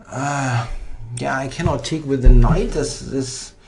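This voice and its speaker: A man giving live think-aloud chess commentary on his own blitz game, halting and muttering to himself as he thinks. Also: mid-range voice, creaky, a little mellow, a little hiss or hum.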